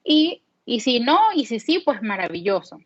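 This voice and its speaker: A woman's voice: on the high side, big pitch swings, moderate pace, breathy edge, no echo. A young woman from Panama with a Panamanian Spanish accent, a podcast guest candidly retelling a personal story with many fillers. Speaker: guest mother. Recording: dull, dry lo-fi audio.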